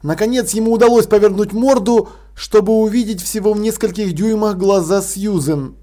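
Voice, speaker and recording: Male audiobook narrator, fairly high voice, measured storytelling read. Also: warm tone. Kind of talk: scripted narration.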